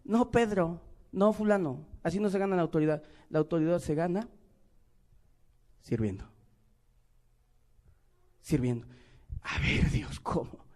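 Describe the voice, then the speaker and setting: A man with a Mexican accent preaching a sermon, moving between loud emphatic lines and quiet asides, acting out little dialogues. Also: a little high, measured pace, long pauses. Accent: Mexican Spanish.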